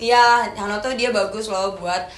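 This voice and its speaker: A woman's voice: mid-range voice, steady tone, normal speed, over a noisy crowd. A woman with a Jakarta accent chatting casually and informally, in slangy speech, as a podcast guest. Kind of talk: casual chat. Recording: echoey room with faint noise.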